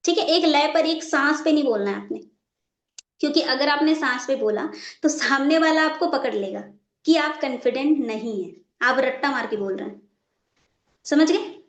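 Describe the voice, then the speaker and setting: Woman, high voice, live online training, checks in with the class often, repeats points, echoey room. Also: lively intonation, moderate pace. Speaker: network marketing trainer.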